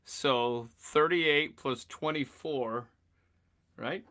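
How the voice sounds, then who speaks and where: Casting: male podcast host, forties, bright forceful tone, excitable and stammering. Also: medium pitch, very slow. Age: 40s. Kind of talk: casual chat.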